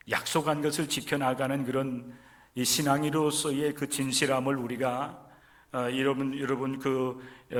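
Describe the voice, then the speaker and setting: A man from Chungcheong preaching a sermon in church, addressing the congregation directly and moving between loud, emphatic stresses and soft, near-whispered lines. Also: mid-range voice. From Chungcheong region, Korea. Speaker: pastor. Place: church sanctuary during a service.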